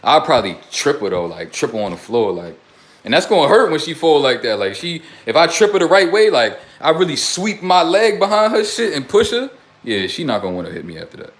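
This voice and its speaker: Posing as a life coach, a young man chats on a casual livestream, hopping from one subject to another in street slang with a blunt, preachy edge. His voice runs on the high side, sing-song and a touch bright, at a brisk clip.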